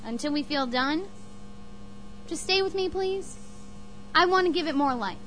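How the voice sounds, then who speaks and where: An actress playing an earnest, stubborn young daughter with a pleading, thoughtful manner in an audio drama. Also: female voice, high-pitched, expressive, unhurried, fairly bright tone, slight background noise.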